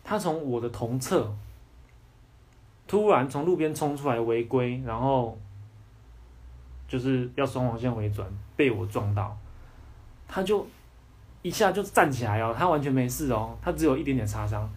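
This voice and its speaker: Brief: young male podcast host, Taiwanese Mandarin accent, husky voice, blunt heated ranting with swearing. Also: mid-range voice, animated, normal speed, pauses often, a little mellow. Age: young adult. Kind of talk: casual livestream chat.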